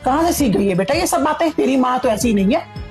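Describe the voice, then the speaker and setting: A woman's voice: high-pitched, lively intonation, brisk, a little mellow, soft background music. A woman playing a stern middle-aged mother who lectures her daughter with emphatic repetition. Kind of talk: family drama acting.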